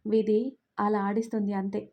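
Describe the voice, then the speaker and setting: A woman's voice: mid-range voice, monotone, moderate pace, lo-fi sound, close to an everyday voice. A woman voicing a young man in love, fond, pleading and playful, in a storybook reading.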